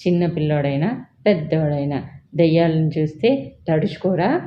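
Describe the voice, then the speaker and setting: A man's voice: a little high, animated, normal speed, a little hiss or hum, lightly acted. A woman voicing a startled young businessman in an audio story, stammering when shocked, on a dull lo-fi recording.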